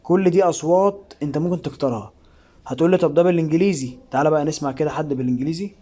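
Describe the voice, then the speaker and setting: Quick Egyptian man, higher-pitched voice. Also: warm tone. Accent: Egyptian Arabic. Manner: informal, step-by-step explaining. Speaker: app tutorial presenter. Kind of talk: casual spoken screen-recording tutorial.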